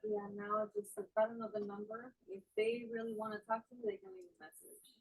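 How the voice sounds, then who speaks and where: A woman's voice: a little high, big pitch swings, fairly quick, gravelly, darkish tone, slightly rough, rough recording. A woman in the class chatting casually and chiming in with her own stories. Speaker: class participant. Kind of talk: casual chat.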